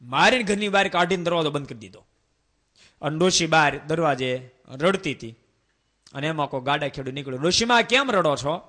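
Animated preacher man, bright voice. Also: on the high side, brisk. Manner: animated, exclaiming, asks the listeners rhetorical questions. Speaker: monk preacher. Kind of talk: sermon with folk storytelling.

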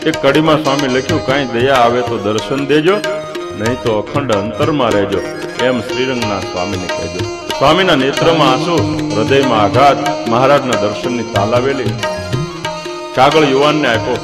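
A man's voice: mid-range voice, moderate pace. A man preaching a sermon, telling a devotional story dramatically and voicing the people in it. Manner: dramatic, voices characters in the story. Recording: clear music behind.

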